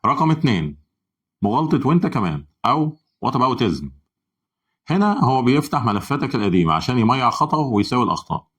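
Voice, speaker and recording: A man with an Egyptian Arabic accent narrates scripted explainers for a psychology channel. His medium-pitched, husky voice delivers the material briskly, evenly and instructively.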